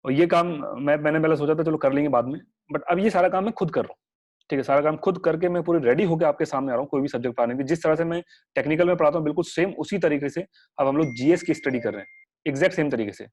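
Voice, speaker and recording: A young online exam-prep teacher runs a live class with a sore throat, slipping English into his Hindi in a friendly, comforting way. He talks quickly, and his fairly high voice has a slightly mellow quality.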